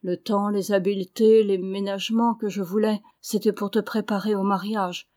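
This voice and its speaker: A woman reading the lines of a seriously ill elderly father who speaks with earnest, measured reasoning. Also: medium pitch, level tone, mellow, natural voice. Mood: grave. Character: ailing elderly father, grave and lucid.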